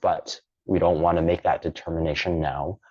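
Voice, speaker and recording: Very deep-voiced male market analyst. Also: fairly even intonation, darkish tone, breathy edge, no room sound, lo-fi sound. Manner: measured, explanatory, thinking aloud with restarts. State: losing his voice. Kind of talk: pre-market analysis talk.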